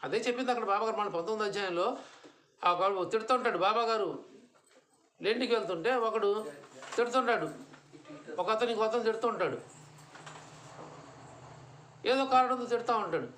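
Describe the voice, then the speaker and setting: A man's voice: high voice, a little fast, long pauses, sharp tone. A man giving a devotional discourse at a home gathering, answering his own rhetorical questions and slipping English words into his talk. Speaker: satsang speaker.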